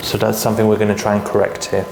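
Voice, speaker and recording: A man's voice: on the low side, monotone, very fast, a little mellow. A man working as a chiropractor, explaining and giving instructions, switching between English and Chinese. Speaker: chiropractor and presenter. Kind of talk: explaining and instructing during a treatment. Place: indoor chiropractic clinic. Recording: echoey, noisy clinic room.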